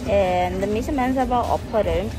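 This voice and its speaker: A woman's voice: medium pitch, fairly quick, rough recording. A young woman, chatting casually to viewers on her vlog while talking through a face mask, slipping English words into her talk. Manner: chatty, addresses viewers directly, mixes in English. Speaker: vlogger. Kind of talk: casual vlog chat to camera. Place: outdoors at a market and by a car. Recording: loud background music.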